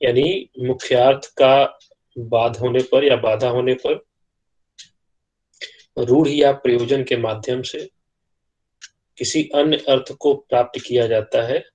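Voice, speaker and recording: A man teaching an online class, speaking at a middle pitch in a measured, explanatory manner. He sounds like a lecturer walking students through definitions and steps. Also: little pitch movement, darkish tone, poor audio. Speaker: college lecturer.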